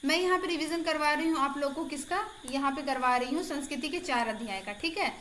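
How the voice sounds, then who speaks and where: A woman's voice: high voice, fast talker, a bit bright, roomy sound, slight background noise. A woman exam-prep tutor in a casual online lesson, chatty and encouraging, repeating answers aloud.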